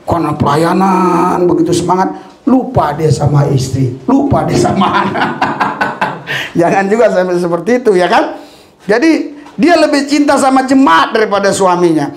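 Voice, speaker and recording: A male pastor preaching to a congregation, telling personal stories in an animated way, often laughing and calling out hallelujah. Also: high-pitched, normal speed. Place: church service with congregation. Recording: roomy echoing hall.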